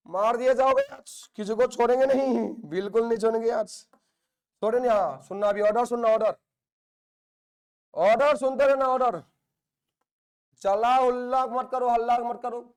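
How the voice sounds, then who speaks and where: Lecturing a chemistry class, a man from India with an unusually high male voice speaks smoothly at normal speed, leaving long pauses. He playfully needles and scolds his students while hammering key phrases through repetition.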